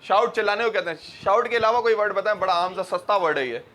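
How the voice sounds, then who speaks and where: A man's voice: high-pitched, quick pace, sharp tone. A male English teacher giving a classroom grammar lesson, quizzing his students as he goes.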